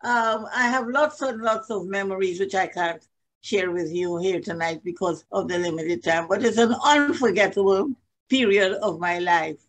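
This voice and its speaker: On a video call, an older woman from Guyana, an alumna guest, briefly shares memories in an earnest, composed manner. Her medium-pitched voice is a bit bright, and the recording is rough.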